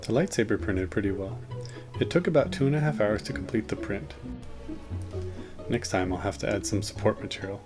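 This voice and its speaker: A man's voice: on the low side, brisk, long pauses, over music. A man giving a casual, matter-of-fact voice-over for a how-to video, explaining each step plainly. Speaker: maker narrating a how-to video. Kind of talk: casual scripted tutorial voice-over.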